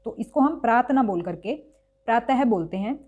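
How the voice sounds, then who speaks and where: A woman's voice: mid-range voice, animated, mellow, slightly rough, lo-fi sound. A woman teaching a grammar lesson, patiently spelling out sounds one by one to show how to pronounce them. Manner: patient, repeats sounds slowly to show pronunciation. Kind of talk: classroom-style lesson.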